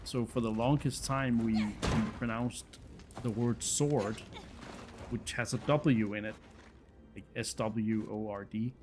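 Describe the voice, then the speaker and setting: Over faint background music, a game streamer from Denmark in his thirties talks with viewers as he plays, his mid-range voice steady, slow, and darkish. A native Danish speaker with a Danish accent, he's hesitant and keeps repeating words.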